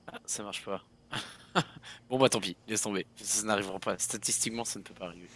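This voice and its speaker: A man's voice: fairly low pitch, quick pace, a bit bright, husky. A man playing in a tabletop game, chatting playfully and speaking as his character. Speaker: player. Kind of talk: casual chat and in-character play in a tabletop game.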